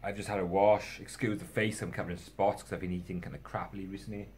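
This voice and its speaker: Young guy, lowish voice, loose rambling vlog chat, mocks himself, swears casually. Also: little pitch movement, fast talker, darkish tone. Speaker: fragrance reviewer.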